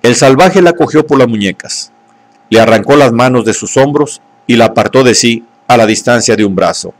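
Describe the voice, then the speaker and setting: A man reading a novel aloud in scripted narration, at a steady, measured pace. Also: medium pitch. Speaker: audiobook reader.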